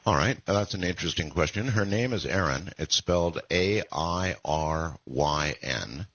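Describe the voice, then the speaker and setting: A man in his sixties hosting a late-night call-in radio show, talking in a relaxed, rambling way with many pauses. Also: low-pitched, no room sound. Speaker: radio talk show host. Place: broadcasting from the Philippines. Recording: dull lo-fi radio broadcast sound.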